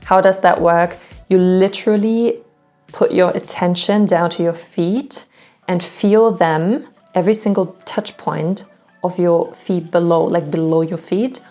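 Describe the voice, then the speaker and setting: A woman with a fairly low voice presents practical coaching to camera. She speaks in a clear, direct and deliberate way, leaning on key phrases. Faint music plays behind her. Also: fairly even intonation, dark tone. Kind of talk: instructional talk to camera.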